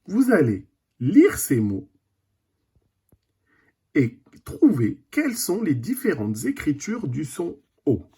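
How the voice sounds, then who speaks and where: A primary school teacher giving a recorded reading lesson to young children, speaking slowly and deliberately, repeating each word. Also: medium pitch, wildly swooping pitch, mellow, breathy edge. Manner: slow, deliberate, repeats and stretches words.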